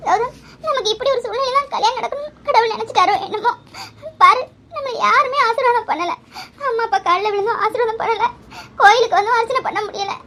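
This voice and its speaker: A woman's voice: extremely high pitch, fast, sharp tone, a little hiss or hum. A woman voicing a young bride in a cartoon, crying as she speaks. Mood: tearful. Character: young tearful bride, sad and devout. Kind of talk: cartoon voice acting.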